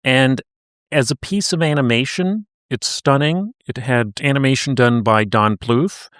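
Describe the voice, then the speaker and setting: A man co-hosting a casual podcast, walking a listener through old cartoons in an easygoing storytelling way. His voice sits at an ordinary middle pitch. The recording is dry, with little room sound. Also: measured pace, fairly bright tone, no echo. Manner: recapping in a conversational storytelling way. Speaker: podcast co-host.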